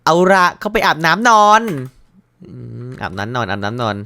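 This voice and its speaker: A man giving casual let's-play commentary, joking about the game text and yelping and shouting at scares. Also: mid-range voice, moderate pace, heavy background noise. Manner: excitable, yelps and shouts at scares; jokey, reads game text aloud with wry asides. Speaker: gaming YouTuber.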